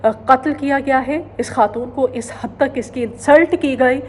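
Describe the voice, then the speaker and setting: Female news commentator from Pakistan, pitched a little high, earnest, hesitant fillers, repeats phrases for emphasis, faint noise underneath. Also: a little slow. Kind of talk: current-affairs news commentary.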